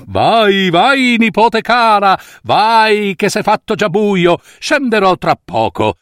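A man's voice: sits high, sing-song, slow pace, fairly bright tone, no echo, clean studio sound, voice pushed up, full character voice. A man voicing a greedy, foul-tempered old uncle in a fairy tale, talking in a blustering, theatrical way. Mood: gruff.

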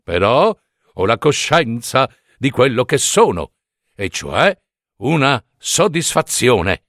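A man voicing a vain, fragile darning needle in a storybook, high and fussy, very full of itself. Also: big pitch swings, takes it slowly, fairly bright tone, no room sound, studio quality, heavily acted. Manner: high-pitched, fussy and self-important.

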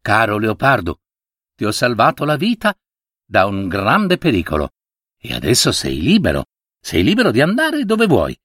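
A man voicing a gentle, frail monk in a fable, earnest and pleading. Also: fairly low pitch, wildly swooping pitch, moderate pace, husky, dry recording, studio quality, exaggerated voice.

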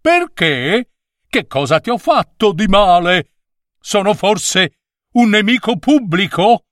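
An offended, high-voiced number nine. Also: male voice, very animated, slow, fairly bright tone, dry recording, studio quality, heavily acted. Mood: indignant. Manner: protesting, scolding, offended. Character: indignant touchy number nine, male.

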